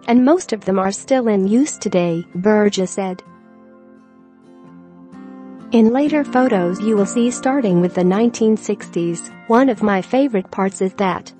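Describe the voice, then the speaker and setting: A woman giving a scripted narration of a news article, reading straight through the text in a flat manner. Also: mid-range voice. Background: music.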